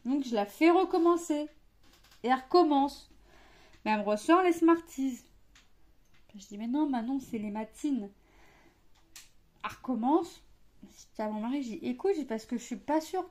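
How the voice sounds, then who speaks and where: A woman's voice: high voice, expressive, normal speed, long pauses, darkish tone. A woman chatting casually while she does cross-stitch, rambling with many fillers and restarts. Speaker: cross-stitch vlogger, mother.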